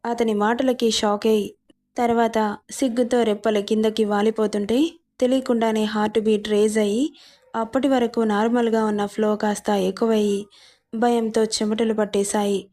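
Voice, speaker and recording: A woman narrating a serialized romance story in a steady, unhurried reading. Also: fairly high pitch.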